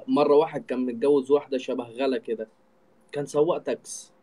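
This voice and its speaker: A man's voice: mid-range voice, steady tone, fast talker, warm tone. A man with an Egyptian accent, chatting casually and teasingly as he hosts a live stream. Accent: Egyptian Arabic. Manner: joking, teasing. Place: indoor room, live video call.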